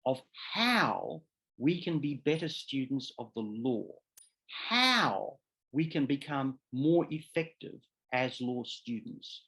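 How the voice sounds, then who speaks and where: Male professor, middle-aged, seminar lecture; unhurried and deliberate, emphatic, restates himself mid-sentence. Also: a little high, fairly bright tone. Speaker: law professor.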